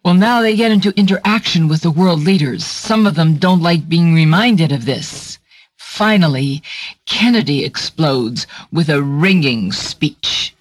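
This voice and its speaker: Slow-paced woman narrating a drama. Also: low voice, expressive, no echo.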